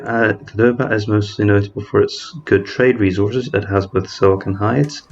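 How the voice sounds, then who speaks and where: Over a strategy game, a let's-player with a lowish male voice explains his play methodically, thinking out loud and fixing himself mid-word. The recording sounds muffled.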